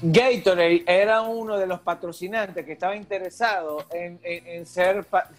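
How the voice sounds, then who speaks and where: A man's voice: sits high, steady tone, moderate pace, soft background music. A man cracking teasing jokes in a casual chat among friends. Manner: teasing, wisecracking.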